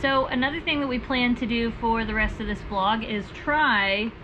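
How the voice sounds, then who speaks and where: A woman's voice: fairly high pitch, moderate pace, dull audio, noisy background. A woman co-hosting a home vlog, chatting in an upbeat, casual way full of fillers. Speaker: vlog co-host. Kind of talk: casual chat.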